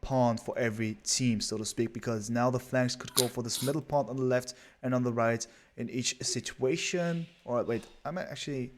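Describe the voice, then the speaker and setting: A man's voice: mid-range voice, moderate pace, hardly any pauses, a little hiss or hum. A man casting a strategy game live, chatty and rambling with lots of fillers. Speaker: esports caster.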